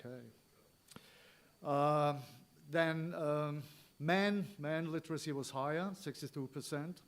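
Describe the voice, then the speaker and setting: A man with a Turkish accent and a slightly raised pitch addresses a political gathering. He talks informally and haltingly, repeating key points to drive them home. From Turkey. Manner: halting, emphatic repetition of key figures. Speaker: rally speaker.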